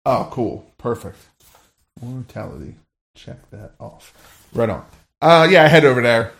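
A man's voice: mid-range voice, sing-song, measured pace, vocal fry. A man playing a tabletop game, chatting casually in an informal, meandering way.

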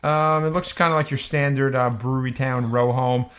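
A man's voice: medium pitch, steady tone, normal speed, fairly bright tone. A man running a tabletop game as game master, narrating scenes in a casual, loosely improvised, conversational way.

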